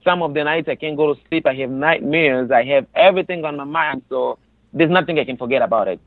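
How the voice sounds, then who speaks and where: A man in his twenties from the Congo, speaking earnestly and haltingly in an interview over the phone. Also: a little high, no echo. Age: 20s. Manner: earnest, halting with many restarts. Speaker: guest. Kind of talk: interview about personal experience. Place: on a phone call. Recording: tinny phone line.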